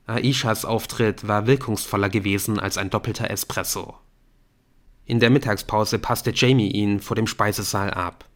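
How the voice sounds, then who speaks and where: A man reads an audiobook aloud with a fairly low voice. His narration is steady and even. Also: moderate pace.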